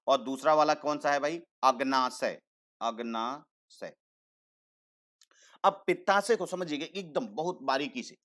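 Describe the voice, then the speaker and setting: Man teaching science in a higher voice. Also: a bit bright. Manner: explains slowly, repeats terms, asks questions then answers them; calls students "beta". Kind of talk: online science lesson.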